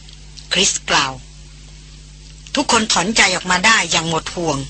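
A woman narrating a novel in a measured, even way as an audiobook reader. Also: lowish voice, slight background noise.

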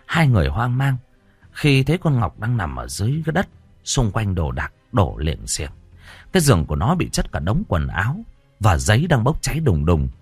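A man's voice: on the low side, huge pitch swings, moderate pace, husky, dry recording, faint music behind. Dramatic man. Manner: dramatic, swinging intonation. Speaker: narrator. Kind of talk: audiobook horror story narration.

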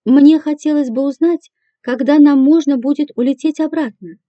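A woman's voice: high voice, normal speed, dry recording, dull audio, lightly acted. A woman reading the lines of a polite, reserved male hotel guest who speaks formally, in an audiobook. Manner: courteous, formal.

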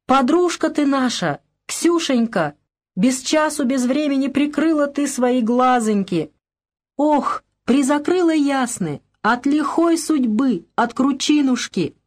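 A woman's voice: high-pitched, lively intonation, slow pace, pitched above the performer's own voice. Woman putting on a wailing peasant woman. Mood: wailing lament. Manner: folk lamenting wail, raw shouting. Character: grieving furious village woman.

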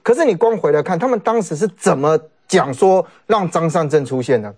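Fast, lively Taiwanese man commenting. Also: a little high, slightly rough. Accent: Taiwanese Mandarin. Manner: animated, sarcastic, mimics other people's words. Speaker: political commentator. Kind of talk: political talk show commentary.

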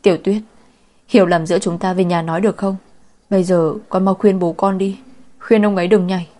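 A woman's voice: fairly low pitch, steady tone, a little fast, warm tone, lightly acted. A woman voicing a middle-aged stepmother who begs in a choked voice, in a storybook reading. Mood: pleading. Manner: begging, choked. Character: middle-aged scheming stepmother, pleading and tearful.

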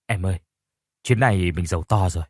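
A secretive young husband who speaks low and humble to his workmates, as a man narrator puts him on. His voice moves a lot in pitch and sounds dry and close in an audio storybook. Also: expressive, a little fast, slightly rough, dry recording. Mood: gleeful.

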